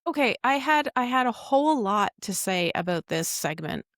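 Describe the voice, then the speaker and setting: A woman's voice: a little high, lively intonation, moderate pace, a bit bright, no room sound, studio quality. A woman co-hosting a podcast, chatting casually and explaining what she looked up in detail. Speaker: podcast co-host. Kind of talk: casual recap chat.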